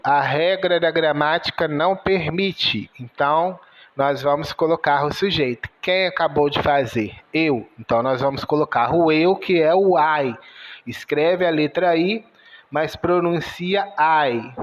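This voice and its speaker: A man teaching English in a video lesson, spelling out sounds letter by letter. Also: on the high side.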